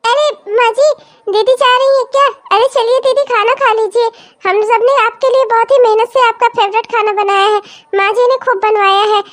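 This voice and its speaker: A woman voicing a jealous, sharp-tongued young daughter-in-law in a cartoon comedy, sarcastic and complaining with a falsely sweet edge. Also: very high voice, steady tone, moderate pace.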